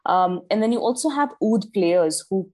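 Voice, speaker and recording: A woman's voice: mid-range voice, lively intonation, normal speed, a little mellow. A young woman from Dubai, a guest artist, talking enthusiastically with many ums and restarts. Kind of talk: casual interview chat.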